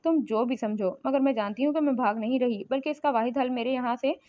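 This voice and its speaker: A woman voicing a quick-tempered, defiant young woman who talks sharply and snappishly, in a slightly muffled lo-fi recording. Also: sits high, a little mellow, natural voice.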